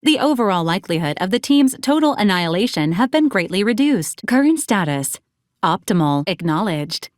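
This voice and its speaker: A woman voices a polite, literal robot assistant unit in scripted video game lines, formal, precise, and clinically detached. Her mid-range voice is sing-song at normal speed and close to her everyday voice. The recording is dry with clean studio sound.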